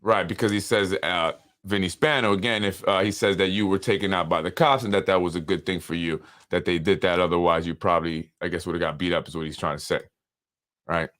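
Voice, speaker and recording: Low-voiced man interviewing a guest. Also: steady tone, brisk, a bit bright. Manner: probing, recapping with frequent "right?". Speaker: podcast host. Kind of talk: casual interview.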